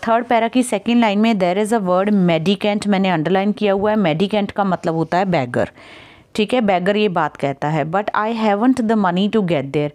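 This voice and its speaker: A woman's voice: medium pitch, a little mellow. Woman teacher explaining a story in Hindi-English. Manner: reads English lines slowly, then explains in Hindi with English words mixed in; checks in with listeners often ("theek hai"). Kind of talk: exam-prep lesson explaining a story line by line.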